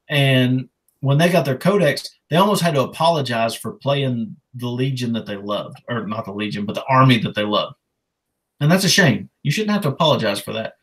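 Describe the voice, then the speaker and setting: A man's voice: medium pitch, poor audio. A man chatting casually on a podcast, enthusiastic and rambling, swearing freely. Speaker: podcast co-host.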